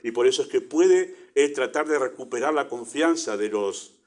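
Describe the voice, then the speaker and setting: A man's voice: medium pitch, animated, moderate pace. A man with a Rioplatense Spanish accent preaching a sermon in church, conversational, with little acted asides. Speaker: pastor.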